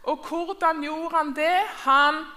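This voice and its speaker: A woman's voice: high-pitched, very animated, bright, forceful tone. A woman teaching a children's church class, asking questions and repeating herself in two languages. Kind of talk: bilingual Sunday school lesson.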